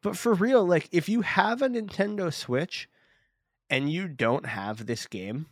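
A young man hosting a casual sports podcast, excitable, jumping high in pitch when he jokes. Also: slow, dry recording, clean studio sound. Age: young adult. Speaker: podcast host. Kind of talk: casual chat.

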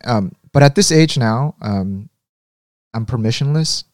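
Speaking a little slowly in an expressive, darkish mid-range voice, an interview guest raised in the United States tells his story in a candid, conversational way. He restarts sentences often, and some slight background noise can be heard.

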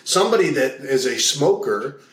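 This poor-quality, reverberant clip features a man whose mid-range, somewhat bright voice moves at normal speed with lively intonation. As a guest on an interview, the hypnotist and values coach chats casually, unfolding his ideas through lengthy stories and returning again and again to key phrases.

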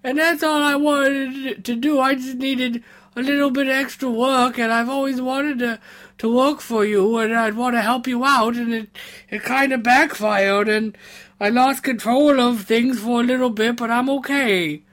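A man's voice: extremely high pitch, steady tone, normal speed, fairly bright tone. Guy doing a tipsy troll, sweet and sad, stammers and rambles on the phone. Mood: apologetic. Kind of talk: prank phone call, comedic voicemail.

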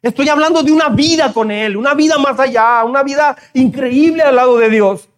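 A man's voice: very high voice, fairly quick. A middle-aged man preaching a sermon as pastor, fervent, repeating key phrases and speaking straight to the congregation. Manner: addresses the congregation directly.

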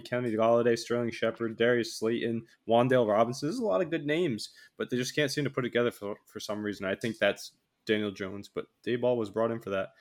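A blunt, opinionated man in a casual sports chat, putting his views plainly with no softening. His voice sits mid-range. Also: medium pitch. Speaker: podcast co-host.

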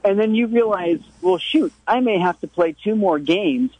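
Calling into a sports radio show, a man argues his point over a muffled phone line, halting often and repeating words. His high-pitched voice has lively intonation and a darkish tone, with no room sound.

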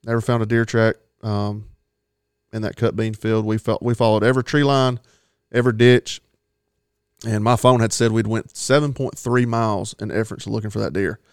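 A man's voice: lowish voice, fairly even intonation, moderate pace, clean tone, dry recording, studio quality. A man telling a long hunting story in a rambling, folksy way, laughing at himself now and then. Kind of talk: casual storytelling.

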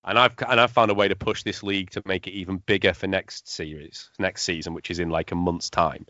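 A man co-hosting a podcast, talking in a wry, animated way. His voice sits low. The recording is dry and slightly muffled. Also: fast talker, no room sound. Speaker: podcast co-host. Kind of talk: casual chat.

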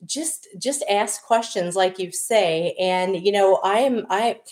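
A woman's voice: medium pitch, slow, a little mellow. A middle-aged woman with a Wisconsin accent, chatting casually as an interview guest, self-deprecating and often restarting her sentences. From Wisconsin, USA. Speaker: guest, diversity consultant. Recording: echoey room.

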